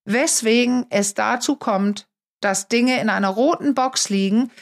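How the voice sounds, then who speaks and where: Woman, podcast co-host, earnest, emphatic, fairly high voice, filler words. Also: unhurried. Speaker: podcast co-host, relationship expert. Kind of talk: conversational podcast explanation.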